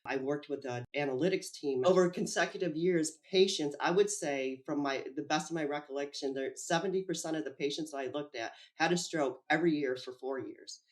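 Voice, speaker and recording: A woman telling her story as an interview guest, animated, acting out dialogue and laughing often. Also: deep voice, a little fast, hardly any pauses. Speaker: whistleblower guest.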